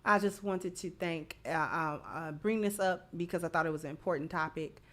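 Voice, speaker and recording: A woman with a low, slightly bright voice speaks at a moderate pace. Hosting a livestream, she chats casually, gives commentary, and thanks her supporters effusively.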